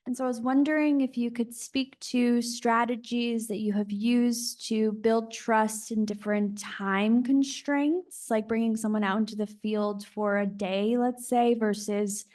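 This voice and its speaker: A woman's voice: a little high, fairly even intonation, measured pace, few pauses, darkish tone. A woman in the audience asking a panel a question, hesitant and searching for words.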